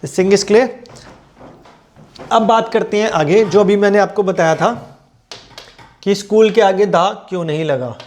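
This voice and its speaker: A male English grammar teacher giving an exam-prep lesson. He explains in Hindi, reads the English examples slowly, and asks the class questions that he then answers himself. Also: sits high, a little mellow.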